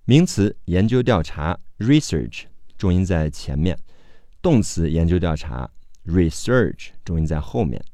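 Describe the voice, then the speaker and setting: Slow, deep-voiced male English tutor. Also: darkish tone, no room sound, studio quality. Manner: spells words letter by letter, slow and methodical. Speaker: English teacher. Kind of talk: spelling and pronunciation lesson.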